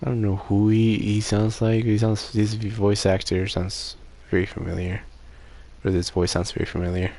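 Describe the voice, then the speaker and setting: A man's voice: lowish voice, completely flat delivery, normal speed, darkish tone. A man streaming a game, giving laid-back casual commentary, chuckling and musing aloud. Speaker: gaming streamer.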